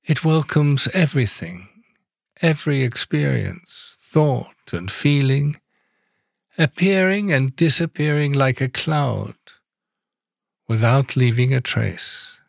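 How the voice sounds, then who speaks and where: Male meditation guide, unhurried and soothing, mid-pitched voice, dry close sound. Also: vocal fry, no room sound. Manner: calm, soft-spoken instructions with long pauses.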